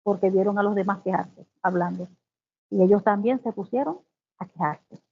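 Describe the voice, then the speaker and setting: A woman giving a devotional Bible teaching, reading scripture slowly and then explaining it with exclamations. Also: medium pitch, vocal fry. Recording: tinny phone-like sound.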